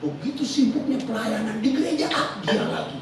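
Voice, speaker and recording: A male preacher delivers a lively sermon, laughing often and acting out quotes in slang. His pitch swings widely. He is heard from far off in an echoey, noisy church hall. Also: normal speed.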